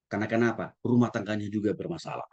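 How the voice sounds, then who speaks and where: A man who is a pastor, lecturing at a Bible school in an animated way and often addressing his listeners directly. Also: lowish voice, fast talker, lo-fi sound. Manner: animated, demonstrates tones of voice, addresses the audience often. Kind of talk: theology lecture.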